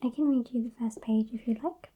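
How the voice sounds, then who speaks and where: A British woman playing a gentle, bookish librarian in an ASMR role-play, murmuring softly and unhurriedly in a breathy soft voice. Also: fairly high pitch, brisk, narrow, tinny audio. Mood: gentle, chatty. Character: sweet, gentle, bookish woman librarian working late nights. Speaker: ASMR performer.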